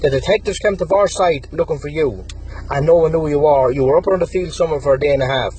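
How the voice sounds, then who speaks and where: A young Irish man in his twenties launches into an angry callout rant to camera, taunting and threatening a rival and repeating the target's name again and again. His voice is fairly high and fast with a warm tone. The low-quality recording carries slight background noise.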